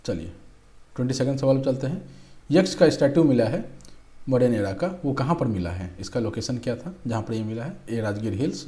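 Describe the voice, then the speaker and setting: A young man works through exam questions like a patient tutor, reading each option aloud. His voice is mellow and warm, pitched in a middle range. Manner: patient, repeats "ठीक है", reads options aloud. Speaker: exam-prep teacher. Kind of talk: explaining quiz questions.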